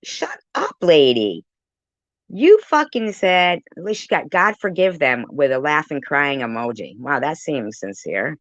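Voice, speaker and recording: A commentary channel creator, a blunt and combative woman, reacts to content, talking back and swearing freely. Her low, sing-song voice keeps a measured pace with no echo, though the recording sounds dull and lo-fi.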